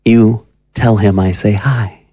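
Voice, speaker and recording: This male actor speaks slowly in a fairly low, dark voice with fairly even intonation, recorded clean in a studio with no room sound. He plays a sinister occult magus in an audio drama, a cruel, mocking mentor who condescends to and commands his pupil with menace.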